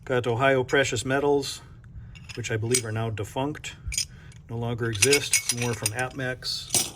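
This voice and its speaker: Man, chatty coin shop owner, from north dakota, mid-pitched voice, clear background noise. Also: steady tone, a little slow. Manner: chatty, self-deprecating, thinking aloud. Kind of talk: casual unboxing vlog.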